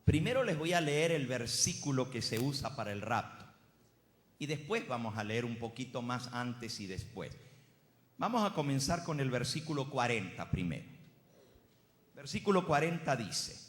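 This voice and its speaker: A man preaching a sermon, speaking straight to his congregation with an emphatic, drawn-out cadence. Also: mid-range voice, very animated, reverberant, long reverb tail.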